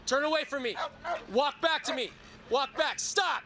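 A man working as a sheriff's deputy, shouting firm, clipped commands over a police car loudspeaker with a siren. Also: extremely high pitch, normal speed, noisy background. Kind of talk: shouting commands at a felony traffic stop.

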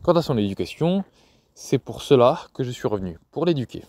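A man's voice: mid-range voice, big pitch swings, fairly quick, darkish tone, no echo. A man playing a cold, stern father who speaks curtly and firmly. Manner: curt, firm, expressionless.

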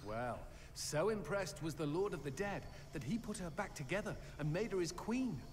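Flamboyant demon skull voiced by a man, theatrical storyteller, high voice, wildly swooping delivery. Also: expressive, normal speed, slight background noise, natural voice, rough recording. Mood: dramatic. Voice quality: theatrical, relishing. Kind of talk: video game voice acting, storybook reading. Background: game music.

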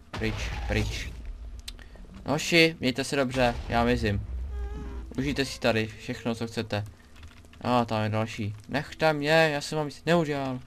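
A man's voice: fairly low pitch, slight background noise. A young man giving casual, chatty commentary while he plays a game, talking both to himself and to his viewers. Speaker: let's play gamer.

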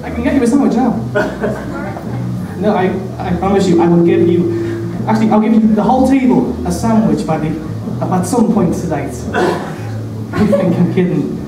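With music playing in the background, an eighteen-year-old stand-up comedian speaks at normal speed in a high, lively voice. Nervous and self-deprecating, he stutters, repeats words, and laughs at his own jokes on a small dark stage, using a handheld mic recorded from far off in an echoey, loud club.

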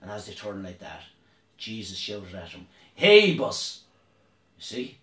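A man telling a mock-serious tall tale in a comedy sketch, earnest and deadpan. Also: low-pitched, normal speed, roomy sound, distant mic. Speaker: comedic tour guide playing a priest.

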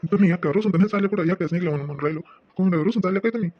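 A man's voice: high-pitched, racing, a little hiss or hum, lightly acted. A man, playing a pushy, lecherous old man on a bus in an amateur skit, in a wheedling, coaxing voice. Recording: dull lo-fi recording with faint music.

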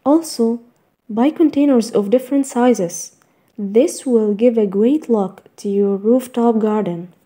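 A woman reading a scripted voice-over in a measured, even list-reading way, narrating step-by-step tips. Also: fairly high pitch. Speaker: narrator of a garden design slideshow.

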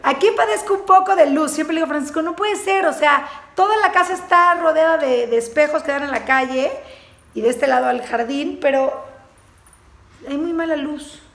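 Carrying a handheld camera close to her as she walks, a woman in her thirties casually shows off her home room by room in a cheerful, talkative way. She speaks at a normal speed in a high-sitting, fairly bright voice. Echo from the indoor rooms and clear background noise fill the recording.

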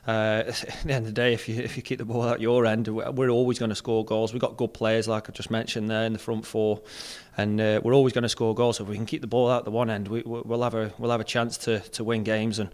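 Speaking into a close handheld mic after the game, the young captain has a lowish, darkish voice with flat delivery. Behind him indoors is a sponsor backdrop, and his answers come out plain and measured, with words repeated as he thinks.

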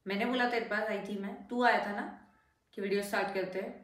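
A woman hosting a casual home vlog, talking in an animated, exasperated way. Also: mid-range voice, fast talker. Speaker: vlog host. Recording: roomy echo, distant from mic, faint music.

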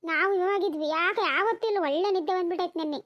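A woman plays a grumbling village husband in a cartoon, a stingy man with a rural Karnataka Kannada accent, complaining and swearing revenge. The voice is very high and races along. The sound is dry and dull. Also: fast talker, no room sound. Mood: defensive. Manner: aggrieved, complaining, vowing revenge. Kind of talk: cartoon voice acting.

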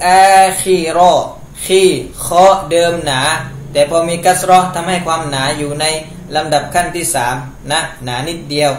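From a room at home, a man with a slightly high voice gives a step-by-step Quran recitation lesson, reciting a phrase and then patiently explaining how to pronounce it. The room is echoey, with faint noise.

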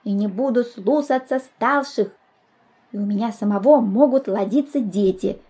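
A woman voicing a plump, stubborn schoolboy who lisps and pouts, speaking slowly. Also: on the high side, mellow, natural voice. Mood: sulky insistent. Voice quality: lisping, says l for r. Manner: slow, pouting delivery.

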